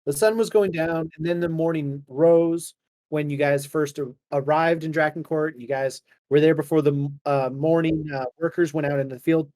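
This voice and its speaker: A man running a tabletop game, improvising the narration haltingly and correcting himself as he goes. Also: fairly high pitch, darkish tone, dry recording. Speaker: game master.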